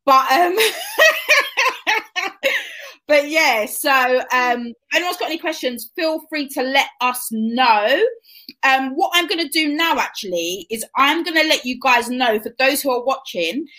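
A woman's voice: high-pitched, big pitch swings, a little slow, bright, forceful tone. A woman in her thirties with a London accent, hosting a casual interview and chatting in an encouraging, friendly way. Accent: London English. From England. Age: 30s. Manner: chatty, encouraging, calls guest hun. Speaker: host.

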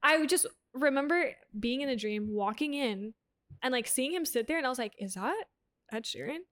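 High-voiced young woman, giggly chat. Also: animated, normal speed, a bit bright. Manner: giggly, storytelling, heavy on "like". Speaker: podcast co-host. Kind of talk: casual chat.

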